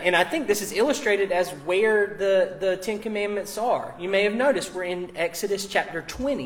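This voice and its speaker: A man with a high, fairly bright voice preaches as a pastor during a live church service. He keeps the sermon conversational and informal, explaining as he goes and adding casual remarks.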